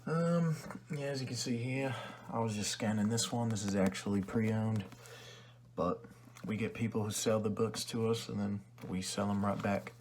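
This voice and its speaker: A man's voice: on the low side, normal speed, background noise, lightly acted. A man playing a rude, condescending librarian who sells used books, in an ASMR role-play with chummy but insulting salesman-like patter. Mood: casual, pitching. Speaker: ASMR performer.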